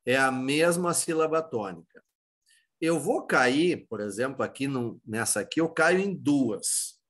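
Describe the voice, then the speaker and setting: A man with a Brazilian Portuguese accent teaching an exam-prep Spanish lesson, who asks and answers his own questions in an informal, halting way. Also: medium pitch, husky. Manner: many fillers and restarts, informal.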